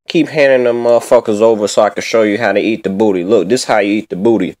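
Silly redub monkey male performer: low, brash, greedy, profane street slang; noisy amateur recording. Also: fairly even intonation, fast talker, lightly acted. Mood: smug, goofy. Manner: profane, slangy street talk with sudden yelps. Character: crude, greedy male caged monkey begging for bananas. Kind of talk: silly mismatched comic redub of animal footage. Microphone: voice-over recorded apart from the pictured zoo. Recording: noisy amateur voice-over with clicks.

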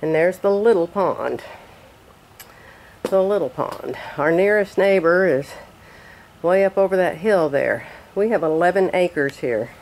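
The clip has an older woman narrating a relaxed vlog at a building site outdoors, talkative, full of exclamations and laughs. Her voice sits on the low side and is expressive and a little mellow, with a measured pace. Noise comes through on the outdoor camera audio.

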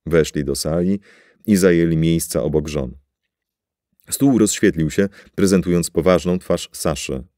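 A man reading a story aloud in a deep, dark voice. His narration is steady and dramatic, and the recording is dry and close. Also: measured pace, no echo. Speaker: audiobook narrator. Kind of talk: scripted narration.

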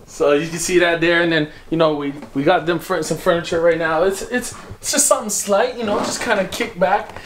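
Young male vlogger, casual slang-heavy house tour, slightly high voice, camera mic indoors. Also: brisk, few pauses, slight background noise. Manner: laid-back slangy banter, walking and pointing things out.

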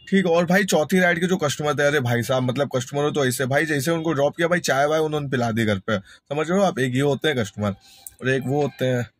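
A man's voice: on the high side, fairly bright tone. Chatty young man vlogging about his driving day. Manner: chatty, addresses viewers as brothers and friends. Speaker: vlogger and ride-hailing driver. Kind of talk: casual vlog talk to camera.

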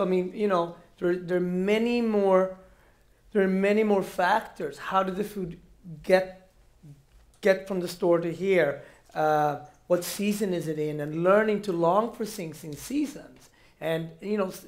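A man from Ethiopia speaking on a stage panel, animated and restarting often. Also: high voice, normal speed, gravelly. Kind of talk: panel discussion. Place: large auditorium stage. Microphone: headset mic.

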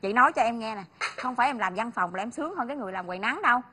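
An actress playing a bossy older-sister figure who scolds and lectures two young men in a comic TV skit. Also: female voice, a little high, animated, very fast, bright, forceful tone, breathy edge, full character voice. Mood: lecturing. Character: bossy older-sister woman breaking up a fight. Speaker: actor in a health skit.

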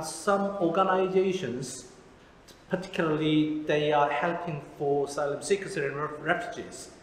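A man in his forties, originally from South Korea, a pastor speaking in halting second-language English with many fillers, interviewed in a church hall. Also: fairly high pitch, a little hiss or hum. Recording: echoey hall with background music.

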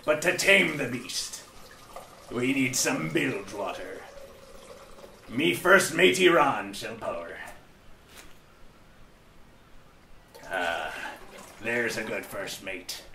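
A man hosts a comic drinking-and-painting show and stays in hammy pirate talk throughout. He speaks slowly, and his voice has a bright, forceful edge. The sound is roomy and echoey, picked up from a mic some distance away. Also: mid-range voice, gravelly. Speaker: host.

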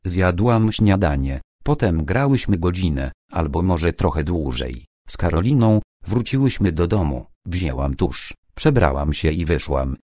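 A man reading a quiet, shaken young woman. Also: deep voice, expressive, measured pace, hardly any pauses, no echo, studio quality, heavily acted. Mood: hesitant. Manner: quiet, hesitant. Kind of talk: audiobook character reading.

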